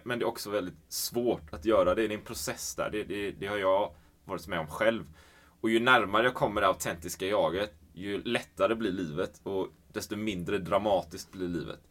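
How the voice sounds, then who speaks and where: A man's voice: lowish voice, bright, forceful tone. A man hosting a conversation, reflecting thoughtfully and encouraging his guest. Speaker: podcast host. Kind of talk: casual conversation.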